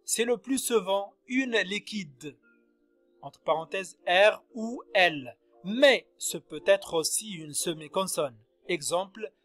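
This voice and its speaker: A man's voice: sits high, fairly bright tone. A man teaching a lesson on verse and syllable counting, spelling out letters one at a time. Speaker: French literature teacher. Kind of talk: slow spoken lecture on verse.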